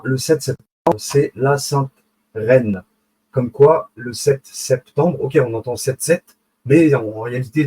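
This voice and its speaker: A man's voice: medium pitch, a little mellow, slightly rough, low-quality recording. A man giving a casual live lecture, digressing, correcting himself, and checking in with his listeners as he goes. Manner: digressive, self-correcting, many fillers and restarts. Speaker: online lecturer on esoteric symbolism.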